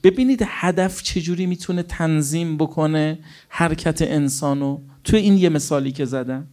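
A man's voice: fairly high pitch, darkish tone. A middle-aged man, a cleric, preaching a sermon with anecdotes told as quoted dialogue and rhetorical questions to his listeners.

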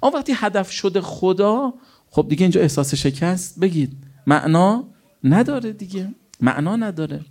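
A man's voice: sits high, animated, a little mellow. A middle-aged man, a cleric, preaching a sermon with anecdotes told as quoted dialogue and rhetorical questions to his listeners.

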